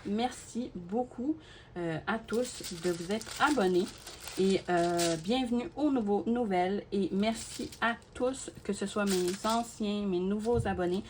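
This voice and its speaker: A woman, a crafting YouTuber, chatting casually to her viewers while unboxing and gushing with many fillers and repeated words. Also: medium pitch. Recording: steady background noise with clicks.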